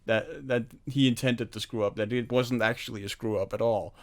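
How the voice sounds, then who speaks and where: Animated, laughing man on a film podcast. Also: medium pitch, normal speed. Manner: animated storytelling, laughs often. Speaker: podcast host. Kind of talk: casual film podcast chat.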